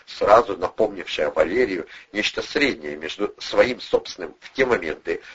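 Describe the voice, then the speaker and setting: A man narrating an audiobook in a wry, expressive storytelling manner. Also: fairly low pitch, breathy edge, lo-fi sound.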